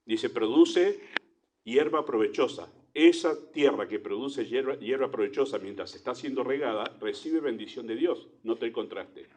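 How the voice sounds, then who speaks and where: A man with a Rioplatense Spanish accent, a pastor preaching a sermon in church, asking rhetorical questions and swinging between loud emphasis and quiet asides. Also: medium pitch, normal speed, few pauses, a little hiss or hum.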